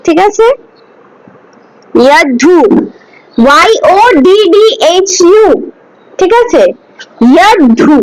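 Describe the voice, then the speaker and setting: A woman with a very high voice leads a class through scripture pronunciation. She speaks slowly, drilling each syllable patiently and having students repeat after her. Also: animated, dry recording, rough recording. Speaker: Gita teacher. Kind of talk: slow pronunciation lesson.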